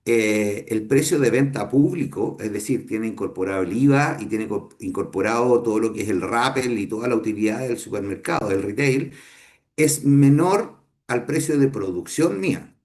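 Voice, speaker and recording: A middle-aged business owner, a native Spanish speaker with a Chilean accent, teaches a class of students. His gravelly voice is mid-range for a man, expressive, and darkish in tone. He thinks aloud unhurriedly, with many fillers and frequent restarts to rephrase.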